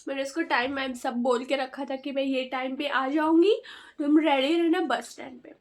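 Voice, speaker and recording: Chatty young woman vlogger, high voice. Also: fairly even intonation, moderate pace. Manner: chatty, exclaiming, frequent fillers and repeats. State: feverish and weak. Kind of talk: casual storytime vlog.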